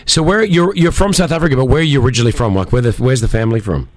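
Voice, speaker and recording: A man hosting breakfast radio, teasing his guests and bantering in a chatty, animated way on a studio mic. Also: mid-range voice, racing. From Australia. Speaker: radio host.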